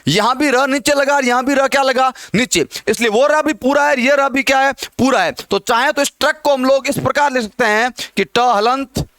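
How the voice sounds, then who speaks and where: High-voiced Hindi grammar teacher, question-and-answer. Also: male voice, moderate pace, hardly any pauses, a bit bright, no room sound. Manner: asks questions and answers them himself, repeats key words. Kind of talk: classroom grammar lesson.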